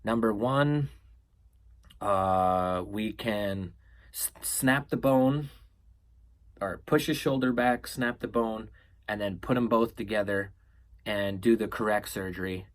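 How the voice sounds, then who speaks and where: A man quoting a doctor calmly laying out two treatment choices. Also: on the low side, slow, long pauses. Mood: calm explaining. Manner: matter-of-fact, explaining. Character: calm male doctor explaining treatment options.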